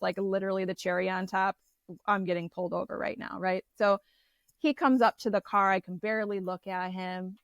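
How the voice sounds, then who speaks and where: A woman therapist, a guest in an interview, telling personal stories in a candid, animated way with frequent restarts. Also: medium pitch, no room sound. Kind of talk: conversational storytelling interview.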